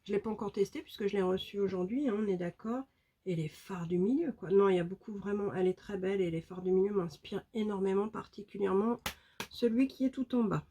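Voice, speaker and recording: A woman talks fast about makeup to her viewers, mellow and mid-range with a breathy edge. It's a relaxed, excited beauty-vlog chat thick with fillers.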